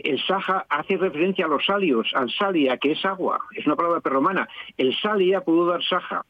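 A man speaks over a tinny, narrow phone line, his voice a little higher than most men's. He explains slowly and thinks aloud as the expert guest on a radio show. The sound is dry and close. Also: no room sound. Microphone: telephone.

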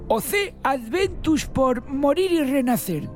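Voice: high-pitched, animated, slow, music in the background. A performer with a Spanish accent from Spain playing a zany professor who presents a comic radio quiz in a theatrical, mock-grand announcing manner.

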